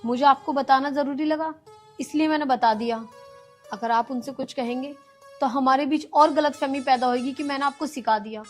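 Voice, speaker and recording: An actress playing a patient, pleading young daughter-in-law in a village film drama. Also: female voice, high-pitched, normal speed, faint music behind, natural voice. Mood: calm. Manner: pleading, long-suffering.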